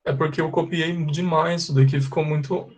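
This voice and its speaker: Patient teacher on a video call. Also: male voice, a little high, steady tone, fairly quick. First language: Portuguese. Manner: patient, explains pronunciation step by step. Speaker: English teacher. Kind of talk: online class, correcting students.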